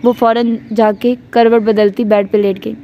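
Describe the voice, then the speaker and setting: Warm in tone and on the high side, this woman's voice shows little pitch movement as she reads a romance audiobook at a moderate pace. She performs both narration and every character's lines, over a little hiss or hum.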